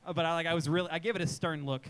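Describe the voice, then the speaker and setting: A man's voice: fairly high pitch, fairly even intonation, racing, fairly bright tone, a little hiss or hum. A man co-hosting a podcast in casual chat, telling a profane story and acting out his own reactions. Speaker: podcast co-host. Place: live show at a sports bar.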